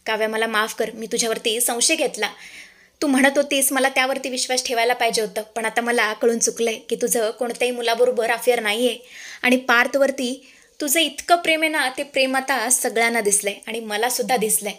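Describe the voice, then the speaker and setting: Casting: a woman playing a firm, proud mother-in-law, fairly high voice. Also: fairly quick, a bit bright, lightly acted. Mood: remorseful. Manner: firm, then apologetic. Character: stern mother-in-law turned remorseful.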